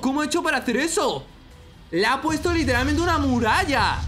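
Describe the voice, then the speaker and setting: Young spanish guy from spain accent, super high voice, hyped anime fan reacting, exclaims a lot, loud-ish music behind. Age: young adult. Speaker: reaction video host. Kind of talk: excited reaction commentary.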